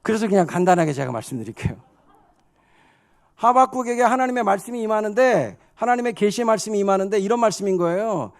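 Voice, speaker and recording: Male pastor, higher voice, chatty and animated sermon delivery. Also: quick pace. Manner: conversational, animated storytelling.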